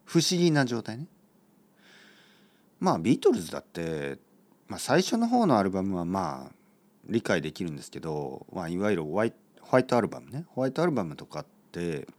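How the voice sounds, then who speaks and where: A man's voice: sits low, very animated, brisk, a little mellow. A man hosting his own podcast in a casual, rambling way, with many fillers and playful self-mockery. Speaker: podcast host. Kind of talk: casual solo podcast talk.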